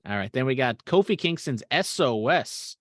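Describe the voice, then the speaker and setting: A man's voice: medium pitch, lively intonation, normal speed, no room sound, studio quality. A man co-hosting a podcast, chatting casually and swearing freely, often trailing off into mumbles. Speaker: podcast co-host. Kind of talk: casual chat.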